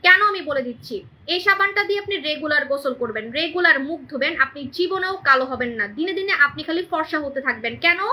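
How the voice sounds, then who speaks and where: A young woman pitches products on a phone live stream from her home. Her voice sits very high and sounds strikingly bright as she talks quickly. She hammers the same points again and again and keeps checking in with her viewers. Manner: emphatic and repetitive, keeps asking "right?". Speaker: online shop host selling beauty products. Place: indoors in a room at home. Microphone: phone camera on a live stream.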